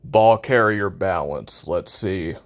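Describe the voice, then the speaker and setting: A man's voice: low-pitched, slow. An American man in a casual, opinionated rant about a video game, blunt, cynical and sarcastic in his complaints.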